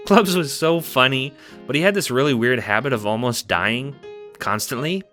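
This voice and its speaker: Over background music, a man voices the narrator of a fan audio drama: a young, cat-like alien troll girl who is excitable and affectionate. He rambles playfully at a medium pitch.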